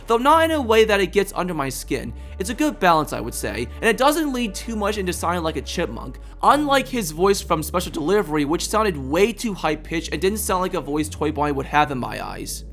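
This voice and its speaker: A man's voice: sits high, a bit bright. A man hosting a video, delivering scripted review commentary.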